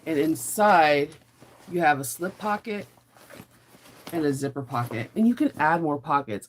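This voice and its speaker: A sewing channel host runs a relaxed live stream, rambling and laughing, her low voice raspy as sinus trouble takes it away. There's a little hiss or hum in the audio.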